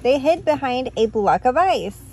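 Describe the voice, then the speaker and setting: A woman reads a picture book aloud for a child at bedtime, slow and expressive. Her voice sits fairly high, with playful touches on the counting. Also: slight background noise. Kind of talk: bedtime story reading.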